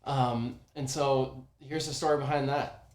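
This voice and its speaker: Young man, casual storytelling, animated, lots of ums, echoey room. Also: medium pitch, a little slow. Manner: animated, many ums and restarts. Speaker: former oyster bar worker telling a story. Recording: roomy echo.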